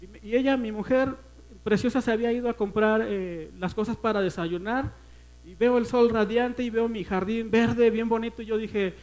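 A man with a Mexican accent preaching a personal testimony at a church service, earnest and emotional, often dropping to a hush. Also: high-pitched, steady tone, moderate pace, low-quality recording. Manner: earnest, emotional storytelling that often sinks to a hushed voice.

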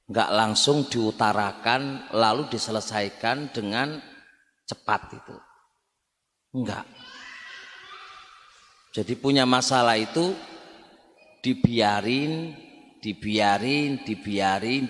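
A man's voice: mid-range voice, a bit bright. A man with an East Javanese accent giving an Islamic study lecture in a conversational way, repeating words and often turning to his listeners. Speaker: Islamic religious teacher. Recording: reverberant hall.

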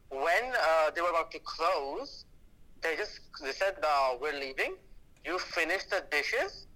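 A man's voice: a little high, bright, forceful tone, poor audio. A man from Pakistan, a podcast guest, telling a story in a rambling way with many fillers. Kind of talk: casual storytelling.

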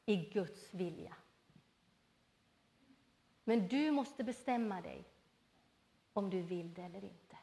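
A middle-aged woman with a mid-range voice delivers a sermon, recounting personal stories with energy and performing the voices of the people she quotes. Her words ring through a reverberant hall.

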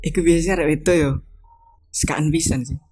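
A man's voice: a little high, fairly even intonation, brisk, darkish tone, slightly rough. A young man in a casual chat, giving short laid-back replies.

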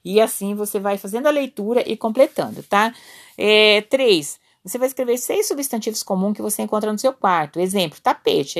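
A woman teacher with a Brazilian Portuguese accent, giving a remote lesson to children in a patient, encouraging way and often checking in with "né?". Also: medium pitch. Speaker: primary school teacher.

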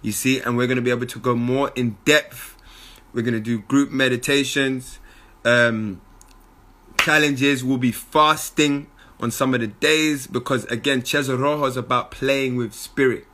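Animated young-sounding man. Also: medium pitch, moderate pace, a little hiss or hum. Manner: animated, bursts into shouted impressions and laughter. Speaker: spiritual coach. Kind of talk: live motivational talk.

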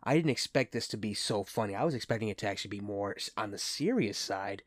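A man's voice: on the low side, expressive, fast talker, no room sound, clean studio sound. A man hosting a casual movie review show, talking as an enthusiastic, gushing fan.

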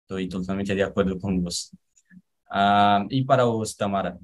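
A man hosts a group language call, asking questions in a relaxed, friendly way and slipping between vos and tú forms. His voice sits somewhat low. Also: normal speed. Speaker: host of a language exchange call. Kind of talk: moderating a casual group chat.

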